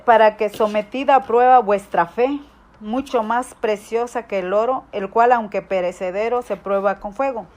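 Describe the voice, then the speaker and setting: A woman's voice: a little high, darkish tone. Woman preaching a sermon. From Guatemala. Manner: storytelling, acts out quoted voices. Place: church hall.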